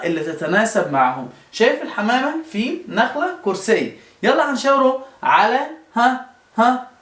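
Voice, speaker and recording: Speaking in a high, slightly bright voice, an Egyptian Arabic-accented man leads a children's lesson as a primary school teacher. He coaxes the young kids with repeated questions and answers, and the recording echoes roomily.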